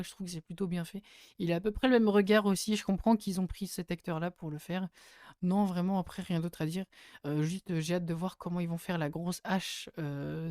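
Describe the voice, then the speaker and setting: A man giving casual spoken commentary as a YouTuber reviewing casting photos, hesitant with many fillers and sudden bursts of excitement. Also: a little high, clear, resonant tone, no room sound, studio quality.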